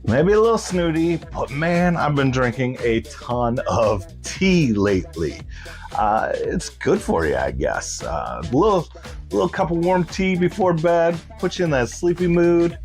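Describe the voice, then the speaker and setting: Animated folksy male bingo host over music. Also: on the high side, measured pace. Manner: folksy, upbeat, chatty. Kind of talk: casual bingo caller and host chat.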